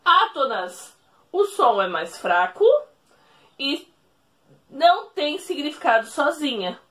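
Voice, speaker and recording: Lively high-voiced woman teacher. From Brazil. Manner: explains slowly, repeats rules, checks with "ok?". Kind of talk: recorded remote classroom lesson.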